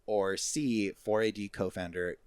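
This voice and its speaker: A man's voice: fairly low pitch, fairly even intonation, measured pace, a little mellow, clear, resonant tone, dry recording. A man hosting a casual trivia segment on a podcast, reading out multiple-choice questions, laughing and swearing casually. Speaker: quiz host.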